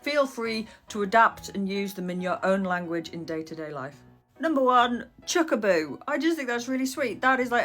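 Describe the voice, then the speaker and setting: A woman's voice: mid-range voice, fairly bright tone. A woman casually explaining old slang to camera, with dry, sarcastic asides and the odd swear word. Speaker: history content creator. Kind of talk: casual educational talk to camera.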